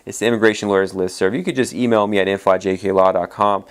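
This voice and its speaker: An immigration attorney hosts a solo podcast, talking fast in a low, steady voice. His delivery is casual and rambling, full of fillers and restarts, and he sounds worn out after a long day of talking.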